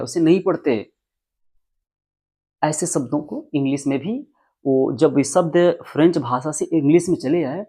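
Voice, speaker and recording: A man's voice: fairly high pitch, a little mellow. A man teaching English pronunciation, explaining rules emphatically and repeating key words. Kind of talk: classroom-style explanation.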